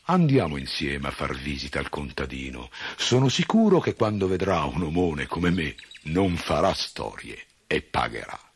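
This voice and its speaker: A man voicing a huge, lonely male giant who speaks slowly and calmly. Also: very deep voice, breathy edge, full character voice. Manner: slow and calm.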